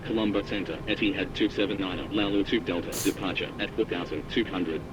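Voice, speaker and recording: A man's voice: low-pitched, quick pace, noisy background. A man speaking as an airline pilot over a cockpit headset radio, giving clipped radio readbacks. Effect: pilot radio heard through a cockpit headset. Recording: muffled radio channel.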